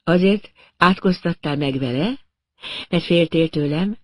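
A composed, resigned actress, as a male audiobook reader puts her on, answering in short, quiet lines with a little lift in pitch. The voice sits dry and close to the mic. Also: no echo, close to an everyday voice. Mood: subdued. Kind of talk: audiobook reading.

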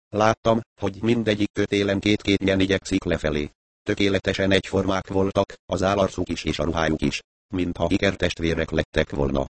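Deep-voiced male audiobook narrator. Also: dry recording. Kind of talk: first-person novel narration.

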